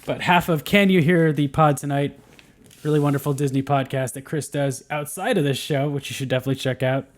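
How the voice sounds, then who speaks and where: A man hosting a podcast in casual chat, friendly and quick to laugh. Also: a little high, fairly even intonation. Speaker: podcast host.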